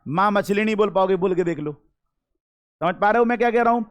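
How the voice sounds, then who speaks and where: A man's voice: sits high, quick pace, clean tone. A man teaching a grammar lesson to a class. He sounds out vowels himself, repeats the key terms and keeps asking questions to check they follow. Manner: calls students "beta", demonstrates sounds aloud.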